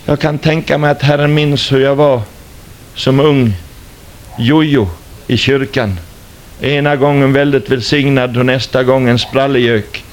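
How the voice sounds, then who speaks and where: A man's voice: mid-range voice, level tone. An older man, a former stage entertainer, telling his religious testimony as a dramatic storyteller who likes rhetorical questions.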